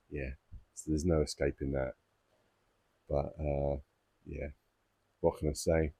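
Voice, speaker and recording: A man with a deep, low voice talks to camera like he's telling mates a story on himself. He's chatty and self-mocking and laughs along as he goes. The recording is close and dry, with no room sound. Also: dark tone, no echo. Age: adult father of two boys. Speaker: koi-keeping vlogger.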